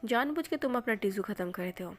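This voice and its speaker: A woman's voice: medium pitch, expressive, quick pace, close to an everyday voice. A woman voicing a heartbroken young man who whines and complains through tears to his best friend. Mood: whiny, tearful. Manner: whiny, sobbing complaints.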